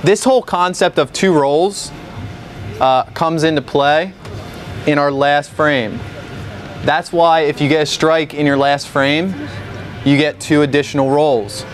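A man's voice: on the high side, fairly even intonation, measured pace, soft background music. Young man teaching in a bowling alley. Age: young adult. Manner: patient, step-by-step, checks in with "okay?" often. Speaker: instructor. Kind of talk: classroom explanation. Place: large indoor bowling alley. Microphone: far camera.

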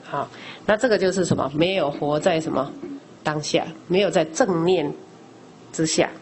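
A woman's voice: low-pitched, normal speed, a crowd in the background. A woman lay teacher giving a Buddhist class in a conversational lecture style, posing questions to the audience and answering them herself. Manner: explains by asking rhetorical questions and answering them; frequent discourse particles, conversational teaching.

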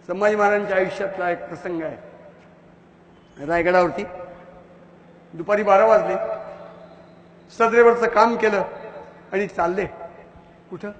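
A man giving an impassioned, fiery public lecture with a declamatory, insulting delivery. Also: high-pitched. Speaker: public speaker. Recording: echoey hall with long reverb.

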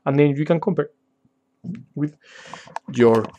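A man's voice: a little high, slow pace, dry recording, muffled recording. Man narrating a screen tutorial, dry sound. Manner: frequent "okay?" check-ins and "uh" fillers. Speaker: tutorial instructor. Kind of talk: screen-recorded software tutorial.

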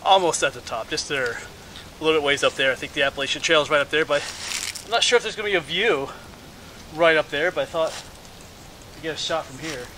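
Trekking through a winter forest, a middle-aged hiking vlogger from Pennsylvania keeps up relaxed, chatty commentary in a fairly high-pitched voice. He breathes a bit hard and takes pauses, while the camera mic records the surrounding outdoor noise.

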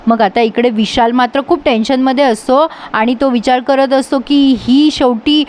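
A woman narrating a casual recap of a TV serial episode and briskly retelling the dialogue. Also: high voice, fairly even intonation, darkish tone.

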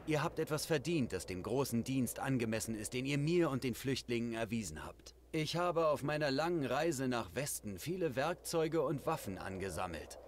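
A man voicing a dignified, grateful male refugee leader in a dubbed game, speaking in a solemn, measured way. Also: mid-range voice, animated, slight background noise, natural voice. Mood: gracious. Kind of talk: German game dub.

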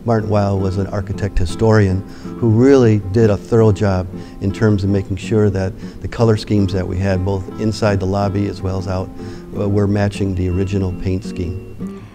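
A man in his sixties giving a seated testimonial in a measured way, with hesitant pauses. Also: deep voice, little pitch movement. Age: 60s. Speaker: award recipient, homeowner. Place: indoor parlor with piano. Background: prominent guitar music.

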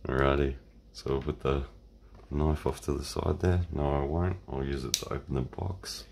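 A man with an Australian accent and an extremely low, gravelly voice chats in a relaxed, rambling way, full of fillers. His voice is croaky at the moment. A faint hiss sits behind him. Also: normal speed. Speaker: channel host. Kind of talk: casual unboxing chat.

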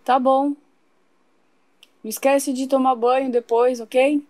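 A woman voicing a kind toy father who fusses gently over his son. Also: sits high, level tone, slow, no room sound. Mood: gentle.

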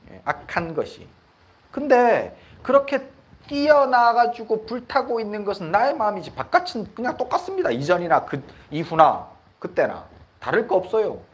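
A man's voice: sits high, big pitch swings, moderate pace, husky. A middle-aged Buddhist monk, giving a conversational dharma talk and often checking that his listeners agree. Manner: conversational, asks the audience for agreement; laughs at his own stories.

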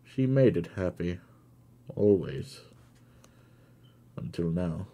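A man's voice: low voice, sing-song, slow, mellow, exaggerated voice. A man voicing a hurt, middle-aged carrier in a storybook reading, speaking in a faltering, grieved way.

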